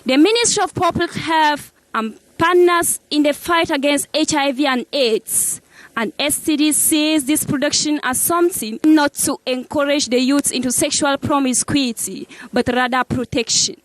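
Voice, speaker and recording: A woman's voice: sits high, normal speed, poor audio. A young woman with a Cameroonian accent reading a scripted news report as a student intern reporter. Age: young adult.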